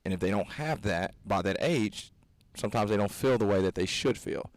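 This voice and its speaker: Fairly low in pitch and animated at normal speed, a fitness coach in his thirties co-hosts a casual podcast. His talk is earnest and preachy, rambling with restarts, and there's no room sound.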